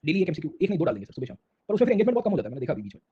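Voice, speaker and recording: A man's voice: on the high side, sing-song, racing, husky, no room sound. A man teaching a casual online history lecture in speech, constantly checking in with "sir, samjhe?". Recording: dull lo-fi sound.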